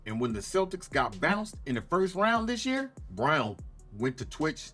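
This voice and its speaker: Guy doing a smug sarcastic sports exposé, really punchy and dramatic, pitch jumps around, music under it. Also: fairly bright tone. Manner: emphatic, dramatic, rhetorical questions. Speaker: sports commentator. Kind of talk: scripted opinionated sports commentary.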